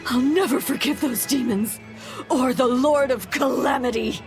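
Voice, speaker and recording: Female refugee: game role, bitter, dramatic, high voice, light music underneath. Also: unhurried. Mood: bitter resolve. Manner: earnest, dramatic. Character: distraught, bitter female refugee from overrun town. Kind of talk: video game voice acting.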